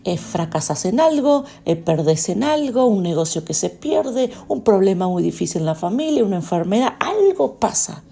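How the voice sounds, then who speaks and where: Husky Rioplatense woman preaching animatedly. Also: mid-range voice, normal speed, few pauses. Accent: Rioplatense Spanish. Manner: animated preaching, acting out prayers and questions. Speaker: pastor. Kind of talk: morning devotional preaching.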